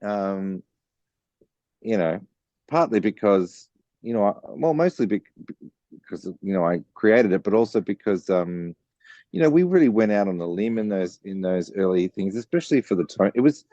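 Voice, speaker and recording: A man with a bass baritone voice, chatting as a podcast guest and telling stories with lots of fillers. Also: animated, moderate pace, mellow, dry recording, muffled recording. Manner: chatty, storytelling with many fillers. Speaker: guest songwriter. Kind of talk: casual interview chat.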